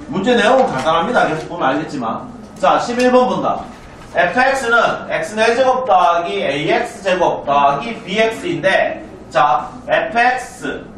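A man's voice: sits high, a bit bright, slight background noise. A male math teacher lecturing a class, constantly checking with students whether they follow. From South Korea. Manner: asks students frequent check questions, brisk and chatty. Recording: roomy classroom, mic far off.

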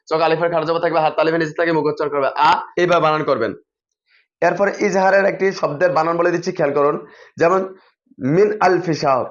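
Guy rattling off reading drills for teachers, quick and kinda high, dull lo-fi sound. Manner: methodical, repeats spelling drills in set patterns. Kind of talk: instructional explanation for teachers. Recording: dull lo-fi recording.

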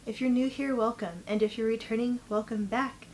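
A woman's voice: fairly high pitch, steady tone, moderate pace, a little mellow, poor audio. Young woman chatting while chewing gum. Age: young adult. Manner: chewing gum while talking, slightly mushy articulation. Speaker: knitting vlogger and host. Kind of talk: casual chat to camera. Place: indoor living room, seated by a couch. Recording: clear background room noise.

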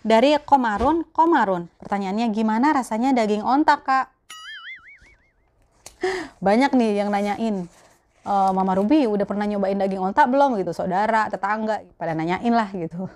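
Speaking at a moderate pace in an everyday mid-pitched, slightly mellow voice, this Jakarta vlogger answers her viewers' questions. She's a young adult with a Betawi accent, chatty and colloquial, talking casually to camera through a lapel mic.

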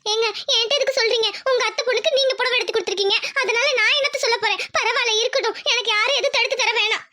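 A woman's voice: very high-pitched, rapid-fire, pushed and bright. A woman voicing Tamil Selvi, a young village wife who sulks at her husband, then teases him fondly. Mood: sulky. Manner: sulky then playful, chiding.

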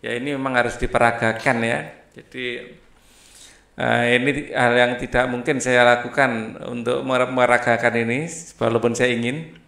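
A man's voice: medium pitch, flat delivery, normal speed, gravelly, a bit bright. A man teaching a primary school lesson, reading the textbook aloud with chatty asides. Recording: echoey room.

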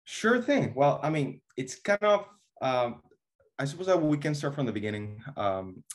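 A young Venezuelan online fitness coach, appearing as a guest in a casual video-call interview, sounds very animated at a moderate pace and medium pitch. Earnest in manner, he keeps restarting and leaning on fillers. The audio is from a webcam or laptop mic in a small room at home.

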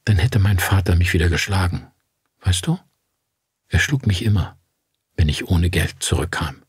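Male reader playing a cold, accusing ghost of a little match girl, husky voice, dry sound. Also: deep voice, lively intonation, moderate pace, no echo, voice pushed down, heavily acted.

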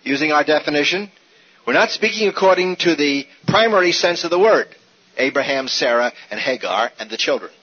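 Speaking a little fast in a high, husky voice, a male Bible teacher delivers a sermon on Scripture. He's animated, firing rhetorical questions and repeating key points. The recording is old and dull.

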